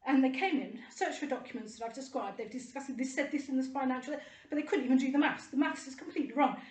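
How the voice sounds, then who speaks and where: A woman's voice: high voice, quick pace, a little mellow, roomy sound. A middle-aged woman, delivering an indignant, rambling and sarcastic monologue to camera. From United Kingdom. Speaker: vlogger.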